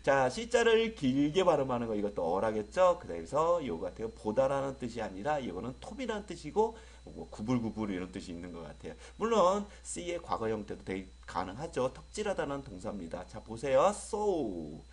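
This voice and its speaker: A man teaches English vowel sounds in an online lecture. His voice moves up and down a lot. He repeats each word slowly with long vowels and jokes with his students, whom he calls friends. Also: medium pitch, sing-song.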